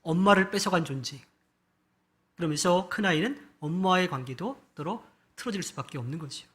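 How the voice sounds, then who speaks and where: A male pastor gives a Sunday sermon in a church hall, his voice fairly high and notably bright. He tells stories conversationally, changing his loudness and pace as he goes. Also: lively intonation, a little fast. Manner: storytelling with shifts of loudness and pace.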